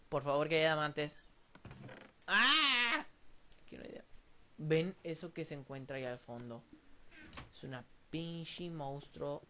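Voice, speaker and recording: A man with a Mexican Spanish accent, casually commentating his own gameplay to viewers with lots of swearing and excited outbursts. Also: on the high side. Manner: profane, excitable, talks to viewers while playing. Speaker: gameplay channel host.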